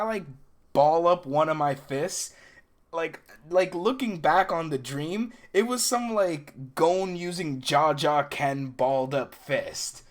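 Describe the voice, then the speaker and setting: A young man recounting things in a casual first-person storytelling style, animated and acting out the dialogue as he goes. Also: a little high. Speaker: video creator recounting dreams.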